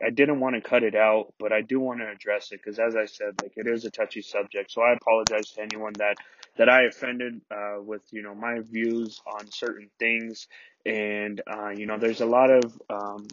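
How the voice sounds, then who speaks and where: A podcast host recording a halting solo apology inside a closet, full of "you know" fillers and restarts. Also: male voice, on the low side, a bit bright, lo-fi sound, slight background noise.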